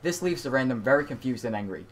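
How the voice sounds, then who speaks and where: A man hosting a prank video, reading a scripted intro in a flat, matter-of-fact way. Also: medium pitch, fast talker.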